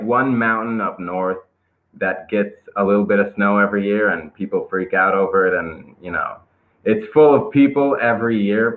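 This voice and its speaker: A young Israeli skateboarder, appearing as an interview guest, chats in a lowish voice with an American-influenced Israeli accent. He is laid-back and hesitant, full of fillers and restarts. The call comes through as tinny phone-line audio.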